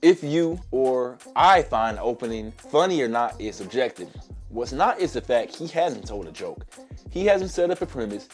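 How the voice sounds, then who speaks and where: A man's voice: medium pitch, very animated, normal speed, faint music behind. A sarcastic man hosting his own commentary video, ranting at viewers while losing his voice to a cold. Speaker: commentary YouTuber. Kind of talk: opinionated video essay.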